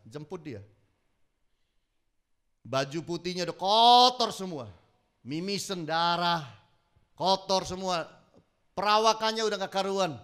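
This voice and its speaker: A man preaching a sermon, telling stories with dramatic swings between loud exclamations and low murmurs. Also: clean tone. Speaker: pastor. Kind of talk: sermon with storytelling.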